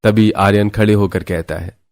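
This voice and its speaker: A man narrating a scripted family story in a steady storytelling manner. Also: lowish voice, normal speed.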